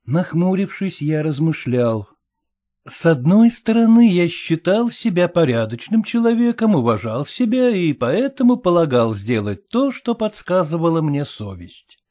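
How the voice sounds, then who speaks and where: A man narrating an audiobook in an expressive, theatrical reading style. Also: a little high, unhurried. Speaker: audiobook reader.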